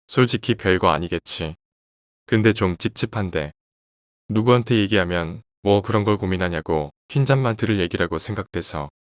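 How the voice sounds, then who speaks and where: Brief: deep-voiced man, steady horror storyteller, close and dry sound. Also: no echo. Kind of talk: scripted narration of a first-person horror story.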